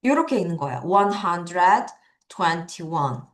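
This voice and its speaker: Lively Korean-speaking woman teaching kids. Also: lowish voice, slow pace, echoey room. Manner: explains step by step with quiz questions to students. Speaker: English teacher. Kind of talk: recorded online lesson for children. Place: classroom at an academy.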